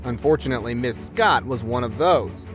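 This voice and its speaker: Male narrator, dramatized exclamatory commentary, lively intonation, faint music bed. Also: mid-range voice, normal speed. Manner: exclamatory, scolding asides to those discussed. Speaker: video narrator. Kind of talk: dramatized commentary over court show clips.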